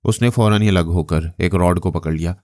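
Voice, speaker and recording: Deep-voiced male storyteller. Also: no room sound, studio quality. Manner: steady, measured storytelling. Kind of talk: audiobook novel narration.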